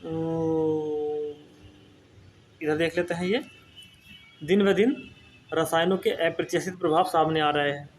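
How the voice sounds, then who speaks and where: A man's voice: a little high, steady tone, moderate pace, a little hiss or hum. A young man teaching Hindi spelling for exam prep. He repeats words and keeps checking in with his students. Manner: explains patiently, repeats words, often says "ठीक है ना".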